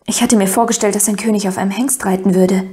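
A woman's voice: medium pitch, fairly even intonation, quick pace, warm tone, natural voice. A woman reading an audiobook, voicing an eager, curious thirteen-year-old girl who asks question after question. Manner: breathless, pleading questions.

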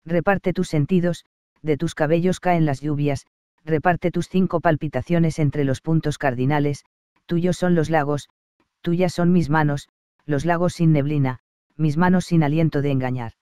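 A man's voice: on the high side, steady tone, unhurried, warm tone, clear, resonant tone, dry recording, studio quality, natural voice. A man reading a yearning young woman lover. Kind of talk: audiobook reading of a verse play.

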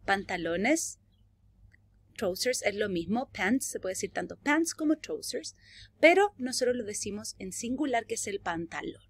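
A young adult woman with a Chilean Spanish accent, teaching a virtual English lesson to young children and drawing out each model phrase slowly. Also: breathy edge, no room sound. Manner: slow, drawn-out model phrases with lively pitch swings.

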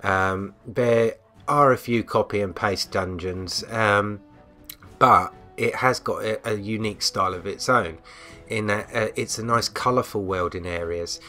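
A man talks through a game review in an easy, unscripted way. His voice sits fairly low, and he hesitates often, filling gaps with ums and repeating words as he finds his thoughts. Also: unhurried, bright, forceful tone, faint music behind. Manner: hesitant, frequent ums and restarts. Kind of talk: casual spoken game review.

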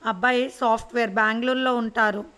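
A woman's voice: on the high side, fairly even intonation, a little fast, fairly bright tone, smooth, close to an everyday voice. A woman voicing a cheerful middle-aged father telling his mother good news in a storybook reading. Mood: pleased.

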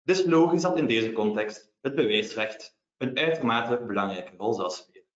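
A Belgian man giving a formal legal lecture, explaining in a measured way with worked examples. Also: medium pitch, expressive. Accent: Belgian Dutch. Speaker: lawyer presenting. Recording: roomy, dull webinar audio.

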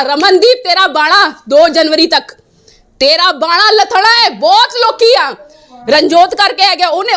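Woman, very high voice, bright and forceful, angry and defiant interviewee. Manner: angry, defiant, repeats herself. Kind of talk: heated interview.

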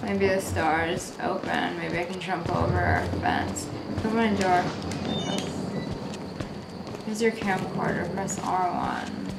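A woman's voice: fairly low pitch, expressive, slow pace, gravelly. A young woman playing a horror game, giving casual, scared commentary and muttering to herself as she goes. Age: young adult. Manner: jumpy, scared reactions mixed with muttering to herself. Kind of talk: casual let's play commentary. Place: small indoor room. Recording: roomy echo, noisy game ambience.

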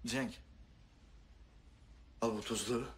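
An actor playing a hostile sailor, taunting and confronting a crewmate. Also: male voice, mid-range voice, steady tone, slow pace, a little hiss or hum, close to an everyday voice.

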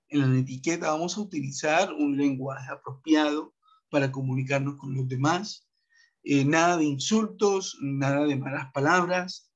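Brief: coastal man, fairly high voice, teaching on a muffled video call, chatty with many "eh" and "¿sí?" checks. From Montería, Colombian Atlantic coast. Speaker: English teacher. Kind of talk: online class talk.

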